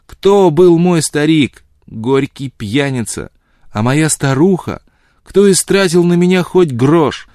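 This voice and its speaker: A man doing a shrill drunken bitter woman. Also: darkish tone, dry recording, studio quality. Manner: wailing, accusing, slurred outbursts.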